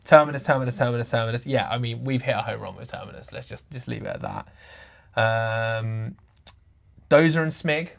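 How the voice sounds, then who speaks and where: A man's voice: lowish voice, normal speed, creaky. A man hosting a casual livestream, reading out audience questions with an upbeat, laughing manner. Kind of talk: casual chat.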